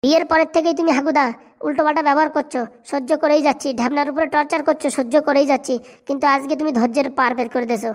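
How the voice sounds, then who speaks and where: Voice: high voice, fairly even intonation, very fast, lightly acted. A voice actor playing an indignant young village man in a cartoon comedy, arguing and reproaching.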